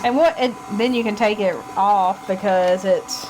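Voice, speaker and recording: A woman home cook and co-host with a Southern country accent chats casually and laughs easily while cooking in her home kitchen. Her voice is medium-pitched and her pace measured, against a noisy background.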